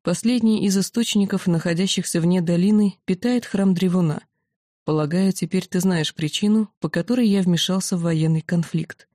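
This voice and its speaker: A woman voicing a calm male dragon commander who explains things patiently, in a storybook reading. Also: lowish voice, normal speed, no echo, clean studio sound, lightly acted. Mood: measured.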